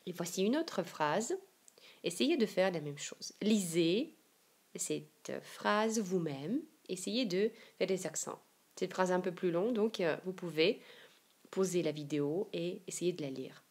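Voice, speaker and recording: A woman from Siberia with a Russian accent, teaching a language lesson online and explaining slowly and carefully. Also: fairly low pitch, animated, darkish tone, slightly rough. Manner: slow, careful explanations with example readings.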